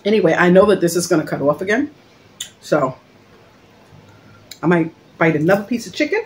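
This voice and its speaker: A woman's voice: lowish voice, lively intonation, a little fast, slight background noise. A woman hosting a mukbang, chatting casually and joking while she eats and talks with her mouth full, recorded on a phone. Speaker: mukbang host. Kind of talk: casual eating-show chat.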